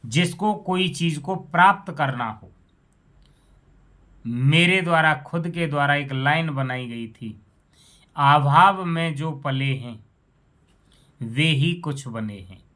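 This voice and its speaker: A man's voice: a little high, fairly bright tone. A man telling a moral story and drawing a lesson from it, often addressing his listeners as friends. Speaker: storyteller on his own channel.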